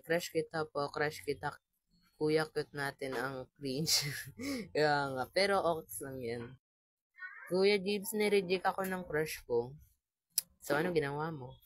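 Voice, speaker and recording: A man's voice: fairly high pitch, dry recording. A man with a voice that sounds like a woman's, reading viewer comments aloud in casual chat and answering them with playful, teasing quips. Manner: playful, teasing, quick deadpan replies. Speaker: gaming content creator. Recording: clear background music. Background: music playing under the voice.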